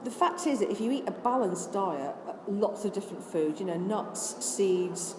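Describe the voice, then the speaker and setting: In a noisy room with echo, a vegan charity worker is interviewed, her mid-range voice expressive and at a normal speed. She is an older woman from Scotland whose accent has faded, and she replies in a chatty, earnest way, reeling off lists and often restarting.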